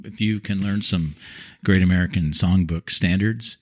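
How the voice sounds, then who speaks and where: A man's voice: low voice, steady tone, moderate pace. A man who works in radio, a podcast guest chatting in a playful way that hams it up, speaking into a studio mic. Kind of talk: casual interview chat.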